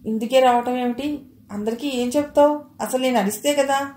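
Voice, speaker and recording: A woman's voice: on the high side, steady tone, brisk, a little mellow, lightly acted. A woman reading aloud and voicing a troubled, confused young wife who pleads and questions, in a roomy space. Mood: pleading. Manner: pleading, bewildered. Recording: roomy echo.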